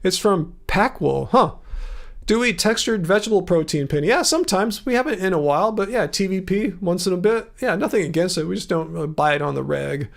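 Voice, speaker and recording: A man's voice: sits high, animated, brisk, gravelly. A man hosting a casual livestream, reading viewer comments aloud and answering them in a rambling, chatty way. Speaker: livestream host. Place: home room.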